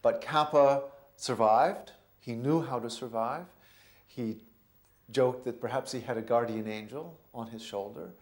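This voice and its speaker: A man's voice: medium pitch, unhurried. Thoughtful, hesitant male interviewee. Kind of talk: documentary interview.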